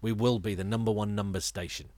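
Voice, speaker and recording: A podcast co-host putting on a slow, low numbers-station monotone voice, flat and ominous. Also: male voice, a little hiss or hum, close to an everyday voice. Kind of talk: casual podcast chat.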